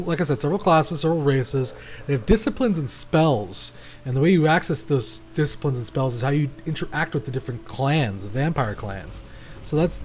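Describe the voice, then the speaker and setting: A man's voice: medium pitch, a little mellow, a little hiss or hum. A man hosting a gaming channel, giving casual, rambling commentary with frequent restarts while he plays.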